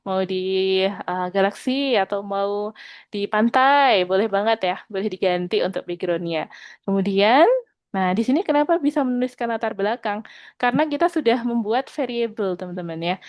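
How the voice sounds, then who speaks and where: In this online programming lesson, the teacher is a woman with a smooth, medium-pitched voice and no room sound. She checks in with students often, speaks patiently, and takes it slower when reading code aloud.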